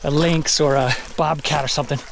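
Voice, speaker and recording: A man's voice: on the high side, fairly even intonation, a little fast, vocal fry, background noise. A middle-aged man with a slightly wheezy voice, tired from illness, chatting casually to a camera as he hikes. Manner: talking while hiking. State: tired, recovering from respiratory illness. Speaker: vlogger. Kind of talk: casual vlog chat. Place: outdoors on a desert trail. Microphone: camera at arm's length. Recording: outdoor trail audio under music. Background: music.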